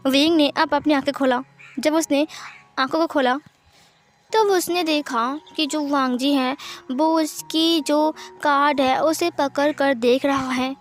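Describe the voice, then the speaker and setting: A woman's voice: sits high, fairly even intonation, unhurried, faint music behind. A woman narrating fan fiction aloud in a plain, conversational way. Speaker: storyteller.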